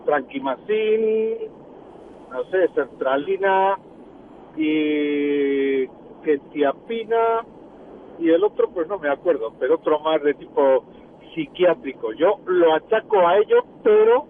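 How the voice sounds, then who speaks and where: A man calls in by phone while on the road, his voice squeezed into a tinny, narrow line. He speaks slowly and haltingly, in a slightly high register, with faint road noise behind him. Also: sing-song. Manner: hesitant, halting. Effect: phone call from a moving vehicle. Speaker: radio call-in listener. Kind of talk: casual phone call. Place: vehicle on the road.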